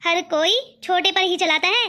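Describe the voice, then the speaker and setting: A woman voicing a sly, smug young daughter-in-law who flatters her mother-in-law in a cartoon. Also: very high-pitched, normal speed. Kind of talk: cartoon voice acting.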